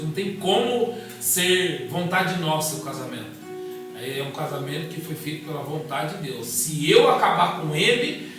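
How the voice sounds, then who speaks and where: High-voiced São man telling his testimony. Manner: animated storyteller acting out dialogue. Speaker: guest pastor. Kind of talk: personal testimony in casual conversation. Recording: echoey room, distant mic, music underneath.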